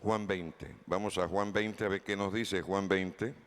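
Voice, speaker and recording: A man's voice: deep voice, steady tone, unhurried. A man preaching a sermon as pastor, reading scripture aloud and putting questions to the congregation. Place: church hall. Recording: long hall reverb.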